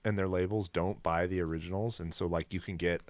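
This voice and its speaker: A man with a very deep voice hosting a loose podcast conversation. He rambles through his points and swears casually as he talks. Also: steady tone, fairly quick, dry recording. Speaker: podcast host.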